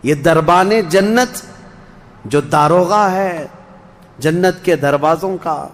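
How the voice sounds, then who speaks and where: Man, preacher, emotional sermon, dramatic loud and hushed swings, slow chanted verses, fairly high voice, long hall reverb. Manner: chants Quranic verses slowly.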